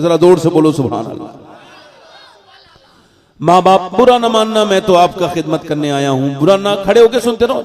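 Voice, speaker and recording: A man preaching at a religious gathering, telling a story with rising, shouting intensity and singing verses slowly. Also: fairly high pitch. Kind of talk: religious speech with sung verse. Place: outdoor religious gathering with crowd.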